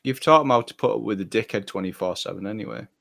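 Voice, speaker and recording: A man's voice: lowish voice, fast talker, gravelly, fairly bright tone. A man co-hosting a podcast in casual chat, full of jokey, sarcastic banter. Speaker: podcast co-host.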